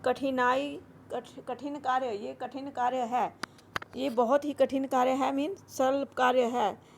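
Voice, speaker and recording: Drilling the correct form of each word after repeating it slowly, a woman explains a Hindi grammar worksheet with English mixed in. She speaks in a high-pitched, fairly even voice with vocal fry, over a little hiss or hum.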